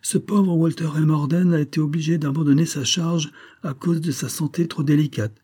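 A man's voice: on the high side, steady tone, moderate pace, dark tone, breathy edge, voice pushed up. A man voicing a scheming, envious young woman in an audiobook, speaking slyly and gossiping. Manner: sly, gossipy.

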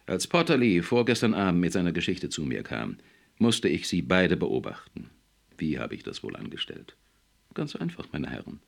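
A man's voice: low-pitched, huge pitch swings, normal speed, vocal fry, heavily acted. A man reading an audiobook, voicing a cold, stern male official who questions and lectures in a cool, probing manner. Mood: lecturing.

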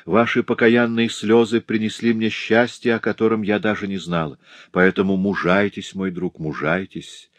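A man's voice: lowish voice, level tone, normal speed, dry recording, lightly acted. A man voicing a remorseful, devoted young noble wife in an audiobook, speaking earnestly and pleadingly. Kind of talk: audiobook reading.

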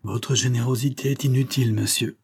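A man's voice: mid-range voice, fairly even intonation, fairly quick, gravelly, darkish tone, breathy edge. A man voicing a bitter, resigned young cashier who speaks in a subdued tone.

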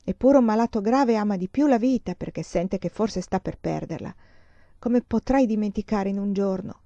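A woman's voice: mid-range voice, moderate pace, dark tone, dry recording, close to an everyday voice. Woman reading as a heartbroken jilted young woman. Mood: brooding. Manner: pleading, broken-voiced. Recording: slightly dull lo-fi recording.

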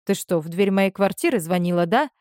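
A woman's voice: mid-range voice, animated, fairly quick, a little mellow, no echo, studio quality, lightly acted. A woman voicing a cold, dismissive married man. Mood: curt dismissive. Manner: curt, dismissive.

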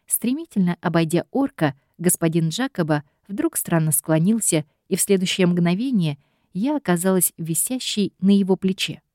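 A woman reading a first-person story aloud in a steady, expressive voice. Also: on the low side, moderate pace, no echo, clean studio sound. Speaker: audiobook narrator.

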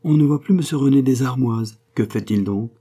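A man's voice: mid-range voice, moderate pace, warm tone, breathy edge, voice pushed up, lightly acted. A man reading the part of a curious, gossiping office head.

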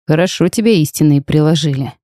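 A woman's voice: fast, warm tone, no room sound, studio quality, natural voice. A woman voicing a hostile male demon who hisses contemptuous threats in an audiobook. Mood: mocking. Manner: contemptuous, hissing low threats. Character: hostile hissing male demon, scornful and menacing.

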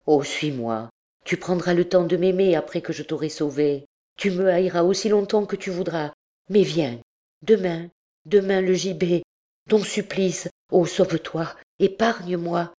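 A desperate, obsessive priest pleads his love in a slow, low, mellow voice, as a woman reader takes on the man's part. He begs with raw passion, each phrase weighed and drawn out. An audiobook reading. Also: natural voice. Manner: pleading, impassioned.

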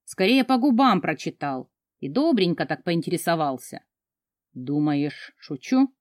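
A woman's voice: on the low side, very animated, normal speed, no room sound, clean studio sound. A woman narrating a fantasy novel in the first person with a dramatic, emotional reading. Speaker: audiobook narrator.

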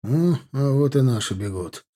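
A man's voice: medium pitch, lively intonation, normal speed, warm tone, natural voice. A man voicing a seasoned Russian soldier who talks in an offhand mutter. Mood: wry.

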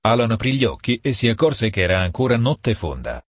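A man reading a novel aloud, calm and measured, partly in the first person. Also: on the low side, husky, dry recording, clean studio sound. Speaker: audiobook reader.

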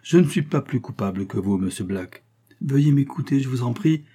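A man voicing a calm, steady middle-aged male lieutenant in an audiobook, speaking in a tranquil, measured way. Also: mid-range voice, slightly rough, pitched above the performer's own voice.

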